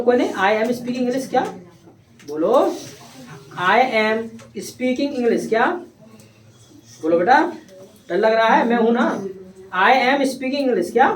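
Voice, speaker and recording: A male teacher coaxes his class, pitched a little high and asking the same question again and again. He sounds far off in an echoey classroom, with faint noise behind him. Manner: coaxing, repeats questions to pupils. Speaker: English teacher. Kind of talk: classroom lesson. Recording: echoey room, distant mic, faint noise.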